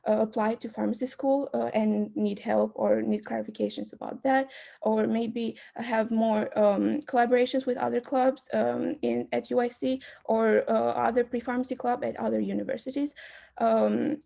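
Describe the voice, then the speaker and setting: A young Albanian woman, whose first language is Albanian, gives a self-introduction campaign speech as a candidate for a student club board. Her voice is on the high side, gravelly yet mellow, with a level tone and normal speed. She sounds hesitant, filling her speech with lots of "uh" and "um."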